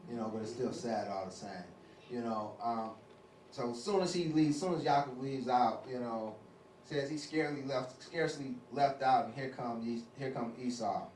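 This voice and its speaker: A man's voice: medium pitch, moderate pace, darkish tone. Man, Bible study teacher, casual, rambling, filler-heavy, echoey room, far from mic. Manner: rambling, full of "you know" fillers. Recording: roomy, distant, faint hiss.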